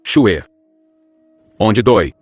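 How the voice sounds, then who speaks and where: Um ator de dublagem dando voz a um marquês nobre e severo, pai autoritário que fala de modo curto e mandão. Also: male voice, fairly low pitch, animated, extremely slow, breathy edge, dry recording, faint music behind, full character voice. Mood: urgent. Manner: curt, commanding. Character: stern noble marquis father, dismissive. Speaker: dubbing actor.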